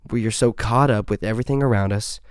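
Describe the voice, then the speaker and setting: Earnest low-voiced man sharing faith. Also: quick pace, no room sound, studio quality. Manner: earnest, conversational, frequent "right?" tags and soft laughs. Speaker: podcast host. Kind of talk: faith podcast testimony and encouragement.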